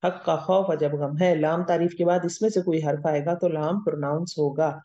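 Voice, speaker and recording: This recorded classroom lecture features a woman teaching Arabic grammar, her dark voice sitting low and steady at a moderate pace. She patiently works through each step and asks "theek hai?" to make sure students understand, all captured in dull lo-fi audio.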